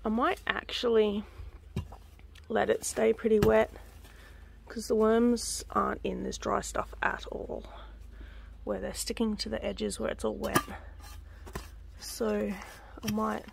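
A young vlogger chats slowly with vocal fry in a mid-range voice, wandering through her backyard garden with the phone held close. Relaxed and full of ums, she drops to a whisper up close, and slight background noise is audible.

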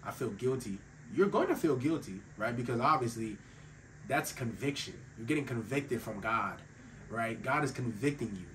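A man's voice: medium pitch, expressive, moderate pace, fairly bright tone. Young man, earnest self-improvement vlogger, voice a bit under the weather, recorded somewhat off-mic with light ambient noise. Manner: earnest and emphatic, calls listeners bro and fellas. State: voice a little sick. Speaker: faith-based self-improvement YouTuber. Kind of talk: casual motivational talk to camera. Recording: slightly distant mic with faint ambient noise.

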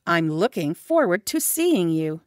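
A woman's voice: fairly low pitch, very animated, a little slow, dry recording, clean studio sound. A woman teaching English phrases, saying each one whole, then word by word. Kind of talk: slow repeated phrase drilling.

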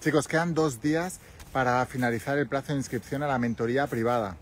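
Spanish-accented man in his forties, outdoor phone selfie, energetic persuasive money mentor. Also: mid-range voice, a little fast, slight background noise. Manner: enthusiastic, persuasive, many tag questions. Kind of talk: selling a mentorship on a live stream. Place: outdoors on a hillside with sea views. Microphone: phone at arm's length.

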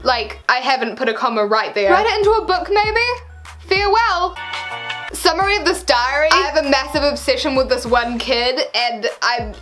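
High-voiced teenage girl, embarrassed reading aloud. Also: lively intonation, normal speed, music in the background. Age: teens, about sixteen. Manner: theatrical, exaggerated emphasis on read-out lines. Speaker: vlogger. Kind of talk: casual vlog, reading an old diary aloud with commentary. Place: small bedroom, indoors.

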